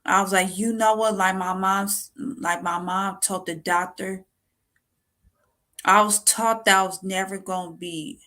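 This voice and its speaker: A woman's voice: medium pitch, sharp tone. A young woman speaks to her viewers in a personal, confessional vlog. She stops and restarts, repeating words as she tries to get them out. Her voice is close to tears. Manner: halting, repeats words, emotional. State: near tears. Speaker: vlogger.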